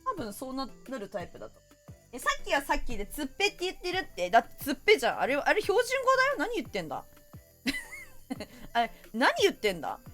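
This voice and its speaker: A woman streamer chatting casually while gaming and reading viewer comments, in a playful, animated way. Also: high-pitched, soft background music. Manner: animated, playful, quick to laugh and mimic others.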